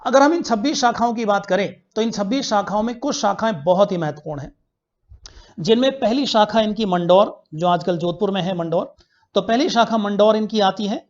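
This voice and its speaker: A man's voice: high-pitched, normal speed. Male history teacher in an online class, poses questions, answers them himself, drills key facts; dull lo-fi recording. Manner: repeats key facts for students to remember.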